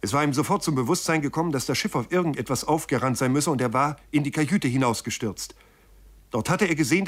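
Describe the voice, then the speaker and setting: A man narrating a first-person sea adventure as an audiobook, measured and dramatic, often addressing his listeners directly. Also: mid-range voice.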